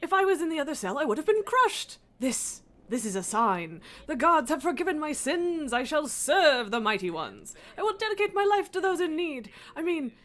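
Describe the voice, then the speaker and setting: A woman's voice: high-pitched, big pitch swings, normal speed, hardly any pauses, fairly bright tone, pitched above the performer's own voice. A woman voicing a desperate, over-earnest prisoner in a game, pleading dramatically for release. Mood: desperate, fervent.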